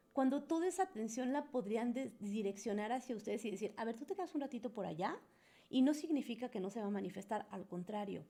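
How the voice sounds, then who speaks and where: A woman speaking, her voice sitting a little high yet soft and warm at the edges. She talks a group through their questions like a spiritual coach, earnest and coaxing, with a loose conversational flow. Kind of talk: live Q&A talk to a group.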